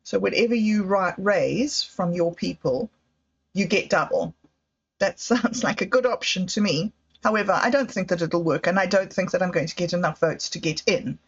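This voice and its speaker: At a moderate pace, a woman with a lowish, slightly rough voice hosts a livestream and wonders aloud, uncertain of herself, about her projects. It's an informal monologue with slightly dull lo-fi audio.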